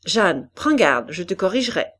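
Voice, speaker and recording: A woman voicing a gentle, composed young mother in an audiobook, speaking softly and with restraint. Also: deep voice, fairly even intonation, takes it slowly, no echo. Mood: stern. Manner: soft, restrained.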